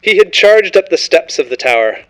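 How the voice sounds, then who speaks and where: A man's voice: high-pitched, big pitch swings, moderate pace, low-quality recording. A man reading a scripted horror story as narrator, in a dramatic, ominous storytelling manner.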